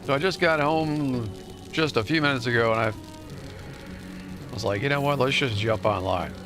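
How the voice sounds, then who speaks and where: A man with a mid-range voice streams a game live at normal speed with music in the background. He reads patch notes aloud and chats to viewers in a playful, jokingly boastful way while commenting on the gameplay.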